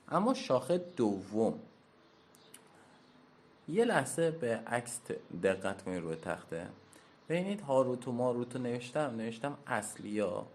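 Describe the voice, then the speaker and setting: A man teaching in a classroom-style lecture at a whiteboard, explaining step by step and slowly spelling out pronunciations. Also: lowish voice, darkish tone, a little hiss or hum. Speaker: teacher of occult lore.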